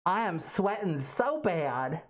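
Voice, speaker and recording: A streamer from Alabama chatting casually on a livestream from a home studio, halting and rambling with many fillers and restarts. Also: medium pitch, big pitch swings. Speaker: livestream host.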